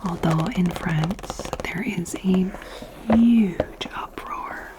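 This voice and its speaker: A woman chatting informally in a soft, breathy ASMR whisper, gentle and rambling, close to the microphone. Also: lowish voice, very slow, rough recording. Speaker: ASMR video host.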